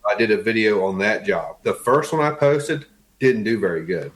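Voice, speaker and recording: A man with an Appalachian accent and a fairly low voice talks casually in an interview. He sounds like a tradesman, plainspoken and folksy. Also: moderate pace, fairly bright tone. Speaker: interview guest, wood flooring tradesman.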